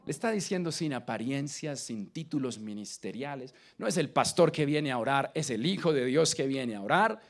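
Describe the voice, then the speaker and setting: Animated Colombian man preaching a sermon. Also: fairly high pitch. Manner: preaching with rhetorical questions to the congregation; dramatic swings between loud emphasis and quiet lines. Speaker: pastor.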